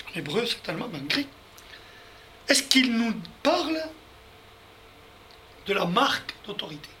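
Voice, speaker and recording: With a bright, forceful, high-sitting voice, a man leads a group through a Bible study, explaining each verse in turn and speaking directly to his listeners. A faint hiss or hum runs through the clip.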